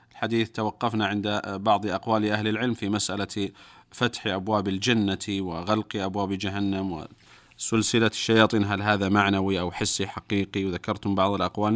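A man's voice: on the low side, a bit bright. A man hosting a religious program in formal standard Arabic, addressing listeners and guest in a formal broadcast style.

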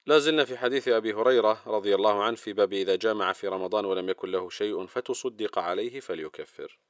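A man's voice: on the low side, fast, no echo. A man hosting a religious programme, presenting in formal Standard Arabic. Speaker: programme host.

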